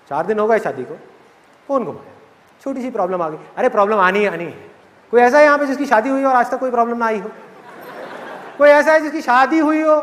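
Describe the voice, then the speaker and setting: A man's voice: very high voice, a bit bright, long reverb tail. A man giving a conversational motivational talk to a live audience, often putting questions to the listeners. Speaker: motivational speaker. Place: large hall with audience.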